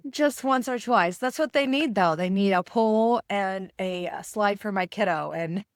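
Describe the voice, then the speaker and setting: A woman's voice: mid-range voice, unhurried, clean tone, no room sound, clean studio sound. Upbeat woman co-host, lots of "like". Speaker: podcast co-host. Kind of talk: casual podcast chat.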